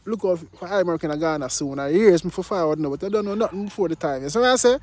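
A man's voice: sits high, animated, racing, darkish tone. A man reviewing a song in casual chat, talking in patois phrasing and singing along at times. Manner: Jamaican-style patois phrasing, sings along. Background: music playing.

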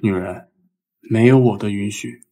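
A man's voice: lowish voice, unhurried, warm tone. An actor playing a young husband who puts on a domineering, commanding CEO manner with his wife. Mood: domineering, possessive. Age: young adult. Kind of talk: short romantic drama acting.

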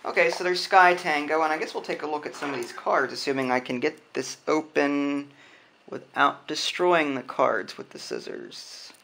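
Hosting a board game unboxing channel, this man sits at a wooden table indoors, chatting informally and thinking aloud as he handles the items. His voice is on the high side and gravelly, with a bright, forceful tone and a moderate pace. A little hiss or hum runs under the recording.

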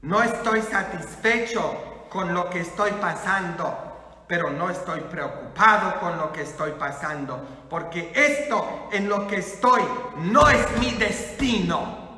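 Male priest, Polish accent, high bright voice, slow jokey sermon, echoey church sound. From Poland. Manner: lively, jokey preaching with mimicked voices.

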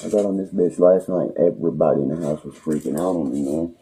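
A man's voice: extremely low pitch, fairly even intonation, fast talker, dark tone, husky. A young man with a West Virginian accent, ranting angrily and threatening, swearing constantly on a phone live stream at home. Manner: angry, rambling, threatening, heavy swearing. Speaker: livestreamer. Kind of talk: profane live-stream rant. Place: small room at home, indoors.

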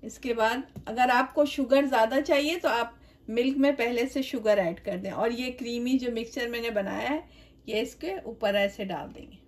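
A woman hosting her own cooking channel, explaining a recipe step by step in a gentle, chatty way, with blessings and greetings to her viewers. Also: on the high side, normal speed. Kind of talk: home cooking tutorial voice-over. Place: home kitchen.

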